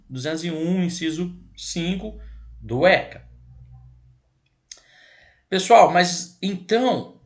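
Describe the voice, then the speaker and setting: A man's voice: a little high, a bit bright. A man with a Brazilian accent giving an online law lesson, explanatory and self-correcting, his throat scratchy and irritated. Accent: Brazilian Portuguese. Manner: explanatory, repeats and corrects himself, addresses "pessoal". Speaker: lecturer on child protection law.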